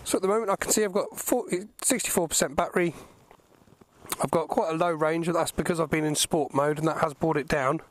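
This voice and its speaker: A man's voice: fairly high pitch, fairly even intonation, fast, no room sound. A man speaking from inside a motorcycle helmet, giving a casual spoken review as he rides outdoors, with wind and road noise around the mic. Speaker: vlogger test-riding a motorcycle.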